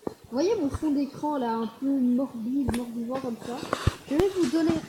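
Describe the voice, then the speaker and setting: High-voiced chatty woman, noisy recording. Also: normal speed. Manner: chatty, excitable, rambling with fillers. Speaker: gaming vlogger. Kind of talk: casual screen-recorded commentary.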